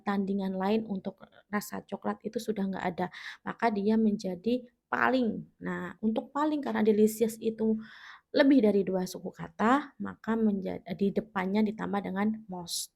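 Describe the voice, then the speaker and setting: An Indonesian woman teaches grammar in a patient, step-by-step way. Her voice sits at a middle pitch, and she often pauses to check that her students are following. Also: steady tone, creaky, darkish tone. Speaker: English teacher. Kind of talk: classroom-style grammar lesson.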